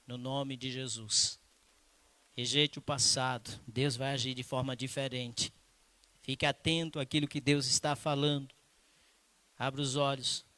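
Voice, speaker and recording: A male pastor from preaching a sermon in a church, telling a personal story with emphasis and later slowing into hushed prayer. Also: medium pitch.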